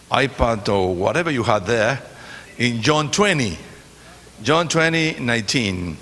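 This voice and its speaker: With a mid-range, sharp-toned voice, a Chilean man gives a sermon as a guest preacher, joking and talking informally with the congregation while often hesitating. He is a native Spanish speaker with a Chilean accent, speaking from the stage of a large church. Expect reverberation from the hall and noise from the people gathered there.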